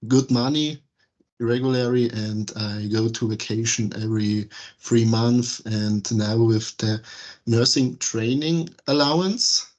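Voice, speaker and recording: A man, a nursing student speaking in a video meeting, halting as he searches for words. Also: medium pitch. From Austria.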